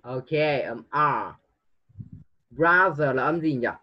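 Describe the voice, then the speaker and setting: A man's voice: mid-range voice, takes it slowly, highs cut off. A man tutoring a young pupil one-on-one online, patiently coaxing answers and mixing English prompts into his teaching.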